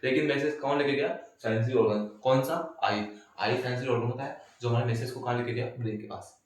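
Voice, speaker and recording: A man's voice: medium pitch, steady tone, fairly quick. A male teacher giving a recorded class lecture, repeating points and quizzing his listeners with questions. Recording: very echoey room, voice from a distance, faint noise.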